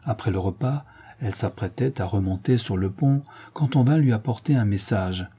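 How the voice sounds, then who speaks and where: A man narrating an audiobook in a steady, measured reading voice. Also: lowish voice, breathy edge.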